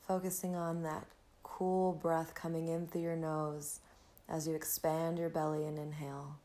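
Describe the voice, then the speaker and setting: A woman leading a guided meditation in a soft, soothing near-whisper, unhurried and gentle. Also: low voice, flat delivery. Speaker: podcast host and meditation guide.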